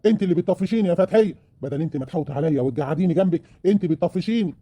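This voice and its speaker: A man's voice: a little high, very fast, warm tone, no room sound, lightly acted. A man with an Egyptian accent playing a remorseful, self-pitying husband in an audio drama, pleading and wheedling. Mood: reproachful. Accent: Egyptian Arabic.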